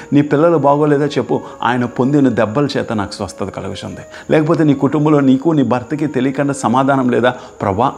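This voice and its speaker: A man preaching a fervent sermon as pastor, swinging from urgent, high repeated cries to slow, hushed passages. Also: gravelly.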